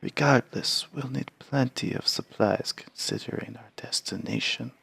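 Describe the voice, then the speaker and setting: A man voicing an old male giant scribe, speaking slowly in a soft, half-whispered way. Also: mid-range voice, gravelly, husky, pitched above the performer's own voice, exaggerated voice. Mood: hushed, measured.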